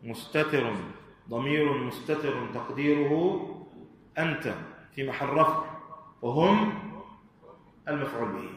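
A man teaching Arabic grammar to a class, speaking slowly and deliberately and putting questions to his students. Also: mid-range voice, lively intonation, fairly bright tone. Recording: echoey hall with faint room noise.

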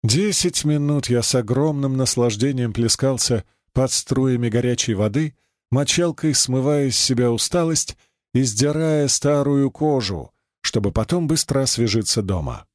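A man's voice: mid-range voice, normal speed, dry recording, studio quality. A man narrating an audiobook in the first person, reading expressively.

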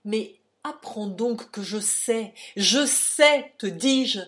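A woman reader voicing a passionate young heroine who pleads and protests in a high, impassioned voice. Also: animated, very slow. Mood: triumphant.

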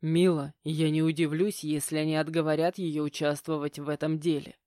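A woman puts on a stern middle-aged stepfather who grumbles and gives orders. The voice sits low and speaks curtly. It is recorded dry and close, with no room sound. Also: flat delivery, normal speed, warm tone, dry recording, natural voice. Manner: grumbling, curt, commanding. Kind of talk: audiobook character voicing.

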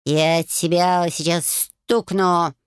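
A woman's voice: low voice, steady tone, no echo, studio quality. Woman doing a grumpy wheezy talking cat. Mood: scolding. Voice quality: wheezy, gruff. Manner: slow, drawling grumble. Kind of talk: audiobook character voice.

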